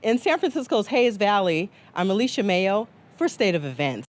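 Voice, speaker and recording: A woman's voice: mid-range voice, very animated, moderate pace. An American woman reporting scripted TV news as an anchor and correspondent.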